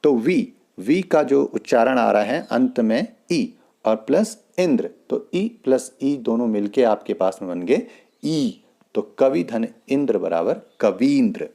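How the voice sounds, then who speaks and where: A man's voice: mid-range voice, animated, slow, creaky, mellow. A man teaching a grammar lesson, explaining each rule step by step and repeating worked examples.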